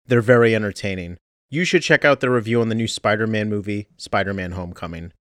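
A man's voice: on the low side, fast talker, no echo. A man recording a casual podcast update from under a blanket, chatty and self-deprecating. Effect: recorded under a blanket, muffled and dry. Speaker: podcast host. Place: under a blanket at home during a heat wave.

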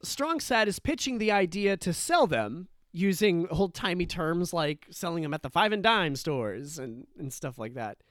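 A man's voice: on the high side, big pitch swings, moderate pace, hardly any pauses, a bit bright, dry recording, clean studio sound. A man co-hosting a podcast in casual chat, explaining things and thinking aloud with restarts. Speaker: podcast co-host.

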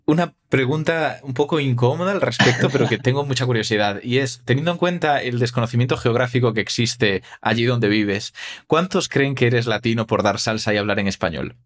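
A man's voice: mid-range voice, a little fast. A man hosting an interview, asking questions and putting in short encouraging remarks. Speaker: podcast host. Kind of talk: casual interview chat.

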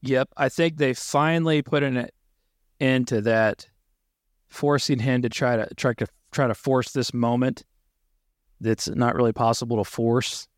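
Male co-host, mid-pitched, dry close mic, eager and chatty. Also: fairly even intonation, unhurried, no echo. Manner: enthusiastic, reads out title history. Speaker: podcast co-host. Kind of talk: casual podcast chat.

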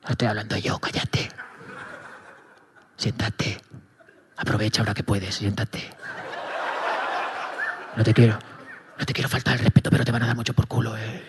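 A man voicing a teasing, bossy male inner voice in a hushed, low tone. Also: little pitch movement, moderate pace, long pauses, slight background noise, lightly acted.

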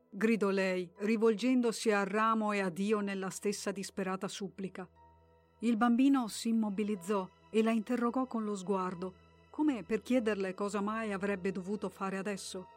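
Woman storyteller, mid pitch, steady reading, faint music in the back. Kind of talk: scripted narration of a short story.

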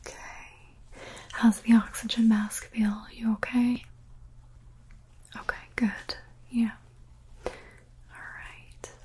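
A young woman whispering softly and reassuringly, in a whispered medical roleplay as a paramedic. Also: fairly high pitch, little pitch movement, slow pace, pauses often, low-quality recording.

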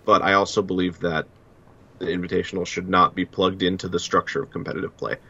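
A man co-hosting a podcast, giving his opinions in a measured, casual way. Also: sits low, flat delivery, sharp tone, breathy edge, muffled recording. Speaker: podcast co-host.

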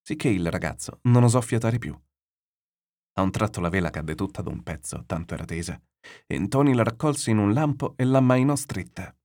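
A man with a low voice reads a classic novel aloud as narrator. His delivery is steady and descriptive, a literary audiobook narration. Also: moderate pace.

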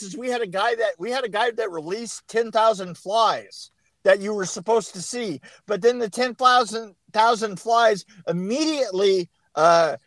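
A man's voice: sits high, fairly bright tone, no room sound. A man telling rambling behind-the-scenes stories as an interview guest, with many restarts and bursts of laughter. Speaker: production designer guest. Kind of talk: casual interview chat.

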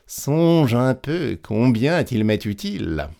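A man's voice: mid-range voice, big pitch swings, slow, vocal fry, mellow, voice pushed up, full character voice. A man voicing a crafty, cheerful male peasant trickster in a storybook reading. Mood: bargaining. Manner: crafty, mock-fearful.

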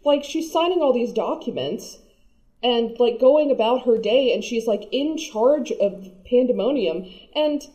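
A woman talks through a casual podcast chat with a mellow, warm tone. Her voice sits fairly high. She restarts often, laughs easily and swears casually. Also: expressive, a little slow, poor audio. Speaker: podcast co-host. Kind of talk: casual chat reviewing an anime.

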